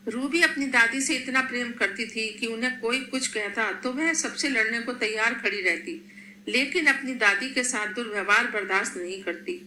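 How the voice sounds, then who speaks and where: Woman reading a bedtime story, bright and a bit high, echoey room, faint hiss. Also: normal speed. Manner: steady, expressive reading. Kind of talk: scripted story narration.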